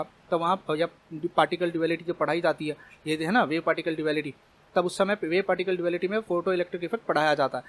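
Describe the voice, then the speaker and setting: A man with a fairly high voice lectures at a quick clip as a chemistry tutor. He explains things in a conversational way and talks straight to the students watching. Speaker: chemistry teacher. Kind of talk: exam-prep lecture.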